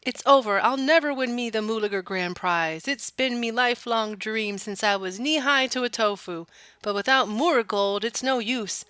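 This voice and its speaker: A folksy old farmer man acted out by a woman, theatrical and given to despair, as in a video game. The voice is bright and forceful, pushed higher and very dry. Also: normal speed, no echo, lightly acted. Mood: despairing, melodramatic. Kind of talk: video game character read-aloud.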